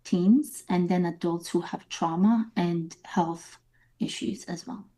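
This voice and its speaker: A woman from Bosnia, a therapist, answering interview questions thoughtfully with pauses. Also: lowish voice, steady tone, warm tone. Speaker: therapist guest.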